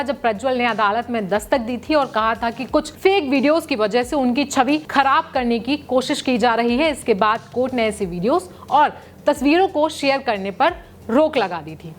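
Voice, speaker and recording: A woman with a high voice reads a news segment from a script. Her delivery is measured and formal, in the even manner of a news presenter. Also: a little hiss or hum.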